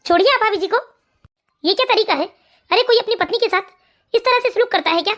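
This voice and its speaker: A woman voicing a polite, reasonable young brother-in-law in an animated family story, reproaching calmly and courteously. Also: very high voice, brisk.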